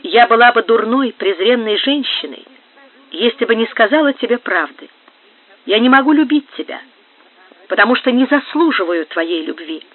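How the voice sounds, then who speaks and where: A man's voice: extremely high pitch, lively intonation, normal speed. A man reading a young woman who pleads tearfully with a rejected lover, heard through a narrow phone-like sound. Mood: pleading. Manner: pleading, emotional.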